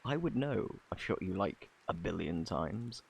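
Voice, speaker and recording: A man with a British accent playing a flirty, bashful, kindly Cupid in an intimate ASMR romance roleplay, softly spoken, stammering and flustered. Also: deep voice, expressive, gravelly, husky, heavily acted. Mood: flustered, apologetic. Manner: flustered, stammering, halting, apologetic.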